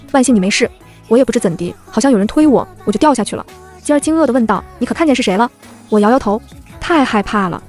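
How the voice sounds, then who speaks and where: A woman's voice: fairly high pitch, darkish tone. A woman narrating a playful first-person story and voicing every character herself.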